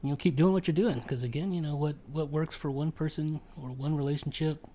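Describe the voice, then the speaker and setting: A man's voice: fairly high pitch, steady tone, a little fast, mellow, a little hiss or hum. Male podcast host, casual chat, hesitant delivery with frequent fillers. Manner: hesitant, full of ums and restarts.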